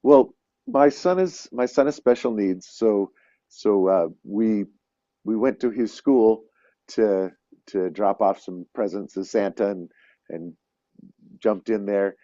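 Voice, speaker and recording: A man's voice: lowish voice, takes it slowly, dark tone, no room sound. A man telling stories as a guest, chatting casually with lots of restarts and fillers. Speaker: guest, Santa performer living in Japan. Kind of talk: casual conversation. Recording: dull, lo-fi and dry.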